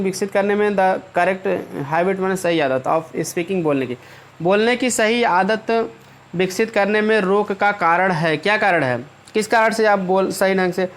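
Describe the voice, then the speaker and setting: A male teacher explaining English exam questions in Hindi, repeating and rephrasing points and often checking in with listeners, slowing down to read the English sentences aloud. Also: high voice.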